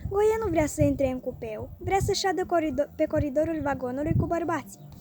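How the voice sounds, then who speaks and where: A woman narrates a classic comic story for an audiobook. Her voice sits high, and her delivery is clear and measured, with a storyteller's steady pacing. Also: a little hiss or hum. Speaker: audiobook reader.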